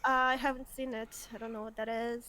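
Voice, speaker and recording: A woman co-hosting a live stream, chatting casually in a giggly, excitable, gushing way. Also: a little high, fairly quick, a loud crowd. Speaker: streamer, co-host.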